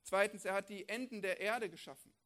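A male preacher delivering a sermon with strong conviction. He fires off rhetorical questions, then drops to a quiet, intense tone before rising again. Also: high-pitched, brisk. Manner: emphatic, fires off rhetorical questions, swings between loud and hushed.

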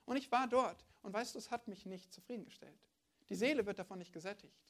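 A woman's voice: mid-range voice, quick pace. A woman preacher giving a sermon, talking to her listeners directly and often asking them rhetorical questions.

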